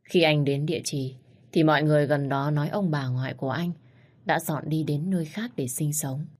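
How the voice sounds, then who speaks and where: A woman telling a story as a measured, scripted narration. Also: low-pitched, darkish tone. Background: faint music.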